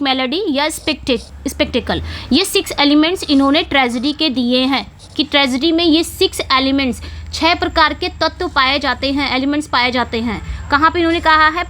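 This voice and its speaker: Her voice is high and fairly bright as she walks students through an English exam-prep lesson one step at a time. She frequently checks their understanding with "ठीक है" and "समझ में आ गया".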